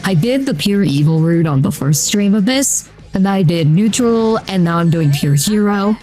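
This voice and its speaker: Using a voice changer, a streamer chats casually while playing a video game, rambling in a relaxed way full of "uh" and "like." The voice is medium in pitch at normal speed, with soft background music.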